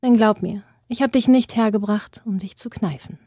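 A woman voicing a calm male serial killer in a reading, speaking quietly and deliberately. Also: mid-range voice, slightly rough, dry recording, clean studio sound, lightly acted. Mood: cold, calm.

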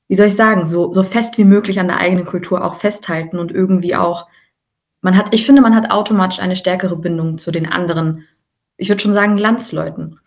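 A woman in her twenties co-hosting a podcast, talking in a relaxed, reflective way and explaining ideas at length. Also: lowish voice. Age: 20s. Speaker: podcast co-host. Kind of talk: casual podcast conversation.

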